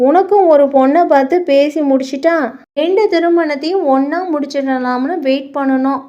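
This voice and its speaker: A woman's voice: high-pitched, normal speed, warm tone, lightly acted. A woman voicing a complaining middle-aged mother who speaks in a reproachful, lamenting way, on muffled lo-fi audio.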